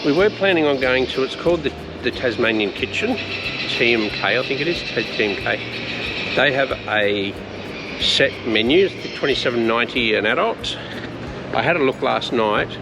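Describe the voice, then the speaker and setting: An Australian man chats casually for a travel vlog. He has a mid-pitched voice and an informal, matter-of-fact way of talking, with clear music in the background. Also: expressive, normal speed. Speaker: travel vlogger.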